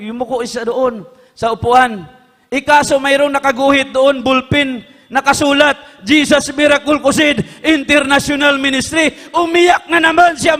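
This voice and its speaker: A man preaching a sermon, impassioned, swinging from hushed tones to shouts. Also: extremely high pitch, big-room sound.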